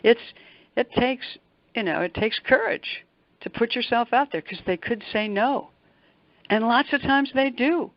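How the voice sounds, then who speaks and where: Here a motivational speaker and executive coach, an older woman, answers interview questions conversationally in a slightly high, unhurried voice. Emphasis comes through repeated words and a forceful delivery. The audio is dry with the top end cut off.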